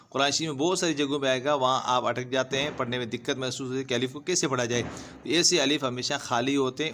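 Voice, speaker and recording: A man teaching Quran reading, spelling each letter and vowel sign, then drawing out the syllables in a slow, patient lesson. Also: medium pitch, a bit bright. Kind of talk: step-by-step recitation lesson. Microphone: voice-over over screen recording.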